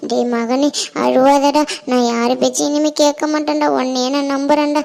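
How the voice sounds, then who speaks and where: A woman voicing a grieving mother who pleads softly with her crying son in a homemade cartoon. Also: high voice, level tone, normal speed, gravelly. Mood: tearful pleading. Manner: pleading, soft and tearful.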